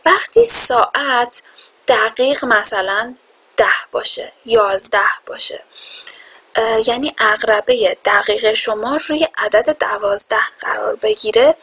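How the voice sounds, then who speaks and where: Woman teaching English slowly. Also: on the high side, lively intonation, a bit bright. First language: Persian. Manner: repeats English phrases slowly and clearly for learners. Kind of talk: online lesson with repeat-after-me drills.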